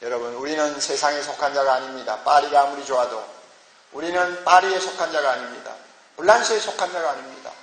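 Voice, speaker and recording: A man's voice: medium pitch, quick pace, fairly bright tone. A man preaching a sermon as pastor, emphatic, with rhetorical questions and exclamations, in a large church hall. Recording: echoey church hall with long reverb.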